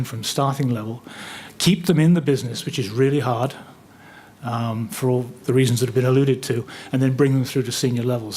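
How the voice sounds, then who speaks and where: A man on a conference panel giving a measured, explanatory answer with a touch of dry humor. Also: medium pitch, darkish tone, slight background noise. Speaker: panelist, business executive.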